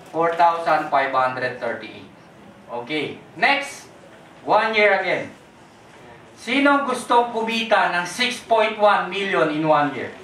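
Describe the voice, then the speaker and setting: A presenter giving a sales pitch at a business event, firing quick questions and jokes at the audience. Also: a bit bright, a little hiss or hum. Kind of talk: lively sales pitch, mixing Tagalog with English. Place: indoor event hall with a live audience. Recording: echoey event hall, voice far from the mic.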